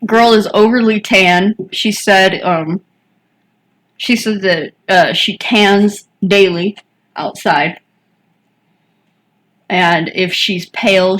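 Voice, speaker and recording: A woman's voice: lowish voice, fairly bright tone, low-quality recording. A woman co-hosting a casual podcast chat, telling stories and acting out what people said. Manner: storytelling, acts out quoted dialogue. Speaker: podcast co-host.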